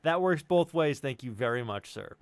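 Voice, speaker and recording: This middle-aged stream host, who also designs sound for audio dramas, rambles, hesitates, and jokes his way through a casual livestream for an online group. His medium-pitched voice is expressive and clean, moving at a normal speed.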